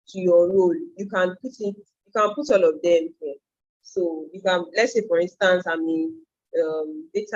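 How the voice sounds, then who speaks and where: This Nigerian-accented woman, a native Yoruba speaker who trains people in online freelancing, talks through a casual step-by-step lesson, reasoning out loud. Her voice sits mid-range and sounds a little mellow, with the high frequencies cut off.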